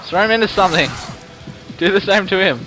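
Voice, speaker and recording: A man giving casual gameplay commentary, swearing and trash-talking excitably. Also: sits high, a little fast, soft background music.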